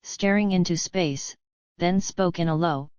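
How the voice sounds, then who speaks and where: A woman narrating a story in a steady, even reading voice. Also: lowish voice, a little slow, smooth, no room sound, muffled recording.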